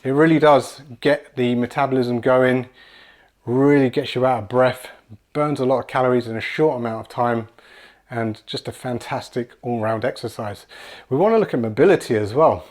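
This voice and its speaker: Demonstrating moves in a cramped home room full of children's toys, a man in his forties coaches a workout in an easygoing, supportive manner at a moderate pace. His pitch is ordinary and mid-range. Now and then he's a bit winded, and he often repeats words or begins phrases again.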